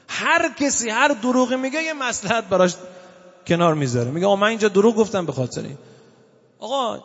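A man preaches a sermon in a mosque hall. His voice sits high for a man, and his delivery swings from loud exclamations to slow, soft recitation. The recording sounds dull and carries a long, lingering reverb. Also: vocal fry. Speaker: cleric preacher.

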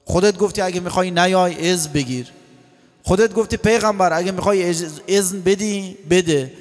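High-voiced animated man lecturing in a hall. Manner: animated, acts out voices and quotes scripture. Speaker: cleric. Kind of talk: religious lecture. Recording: long hall reverb.

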